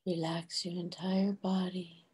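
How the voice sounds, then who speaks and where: An older woman leading a guided meditation in a soft, hushed, soothing voice, leaving long pauses. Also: lowish voice, flat delivery, husky. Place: bright room at home, indoors. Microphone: video call microphone.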